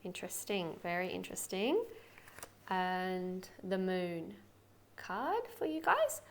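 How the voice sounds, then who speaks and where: A young woman doing a casual tarot reading for viewers, chatty and friendly with quick asides and fillers. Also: lowish voice. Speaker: tarot reader.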